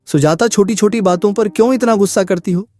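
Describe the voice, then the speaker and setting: A voice actor playing a mild, calm father-in-law in a cartoon story, reasoning gently. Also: mid-range voice, fairly quick, natural voice.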